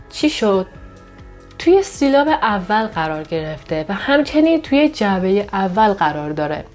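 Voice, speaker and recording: Woman tutor walking through pronunciation rules, patient, repeats example words carefully, faint music behind. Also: mid-range voice. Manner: patient, explains with examples, pronounces model words slowly and brightly. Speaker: Korean language teacher. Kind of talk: step-by-step lesson narration.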